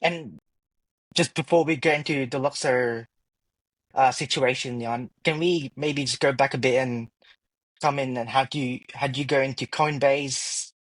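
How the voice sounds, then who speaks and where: A man's voice: mid-range voice, fairly even intonation, moderate pace, no echo, low-quality recording. Male podcast host, dry close sound. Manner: friendly, rambling questions. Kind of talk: casual interview conversation.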